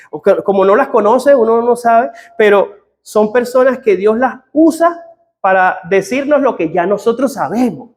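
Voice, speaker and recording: A middle-aged man with a notably high voice delivers a sermon as a pastor. He speaks earnestly and draws on personal stories, quoting what others told him. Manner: earnest, personal storytelling with quoted dialogue.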